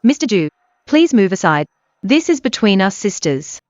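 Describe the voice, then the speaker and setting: A woman's voice: mid-range voice, big pitch swings, normal speed, highs cut off, a little hiss or hum, close to an everyday voice. A woman dubbing a proud, wronged young woman in a drama, firm and cutting. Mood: cold. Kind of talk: English drama dub.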